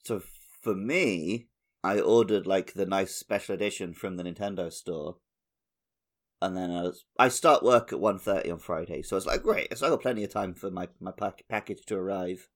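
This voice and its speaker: A man with a deep voice co-hosts a podcast, speaking at normal speed. He chats informally and tells everyday anecdotes.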